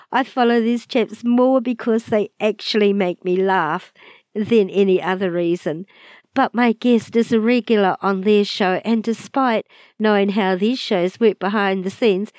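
A woman with a New Zealand accent introducing her podcast as host, sounding raspy and short of breath from a chest infection. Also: mid-range voice, a little mellow, dry recording.

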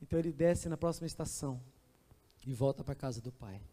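A man's voice: medium pitch, fast, dark tone. A man with a Brazilian Portuguese accent, a pastor preaching an emphatic storytelling sermon in a church. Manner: storytelling, emphatic, acts out scenes. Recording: reverberant church hall.

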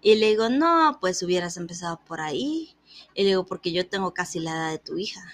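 A woman's voice: on the low side, fairly quick. Woman in her 30s telling a story, acts out the dialogue, laughs a lot. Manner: animated, acts out quoted dialogue, laughs often. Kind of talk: casual storytelling chat.

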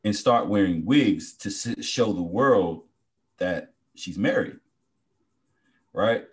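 An animated man co-hosting a podcast, his pitch jumping around as he spins a story. He talks in casual slang and keeps breaking into laughter. It is a relaxed chat between friends. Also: slow. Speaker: podcast co-host.

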